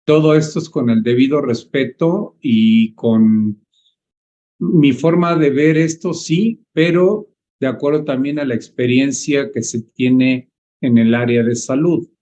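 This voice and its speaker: Hombre de voz oscura explicando con calma. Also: male voice, medium pitch, takes it slowly, muffled recording. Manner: didactic, asks "¿sí?" often. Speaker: doctor answering questions. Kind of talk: explaining on a live online Q&A.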